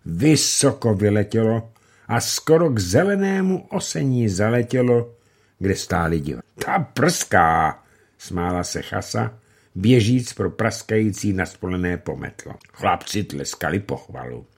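A man narrating a classic novel as an audiobook, reading expressively with pitch that rises and falls. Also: animated, a little mellow, husky.

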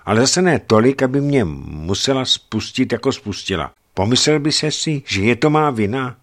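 A man's voice: mid-range voice, lively intonation, pitched above the performer's own voice, lightly acted. A man voicing a pained young husband. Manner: earnest, pained confession. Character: distraught young husband confessing to a captain.

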